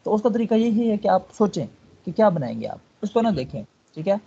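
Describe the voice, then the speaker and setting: A man tutoring a student online, patiently walking through each step and checking in again and again. His voice is mellow and a little husky, and the lesson audio sounds dull and lo-fi. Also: high-pitched, very animated. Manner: coaxing, repeats words and checks understanding. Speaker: online Arabic teacher.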